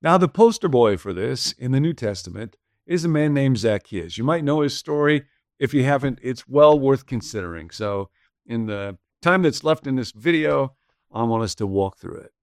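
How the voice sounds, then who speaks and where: A man's voice: medium pitch, lively intonation, moderate pace, no echo, studio quality. A man teaching a sermon-style video lesson, conversational and explanatory, reading scripture with casual asides. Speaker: pastor.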